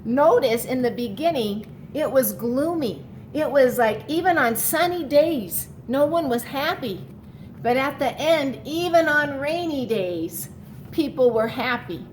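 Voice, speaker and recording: With a high-pitched, animated voice, a woman reads a children's picture book aloud at an unhurried pace, the way a teacher would. She stretches key words expressively and adds asides to explain things to young listeners, with slight background noise in the recording.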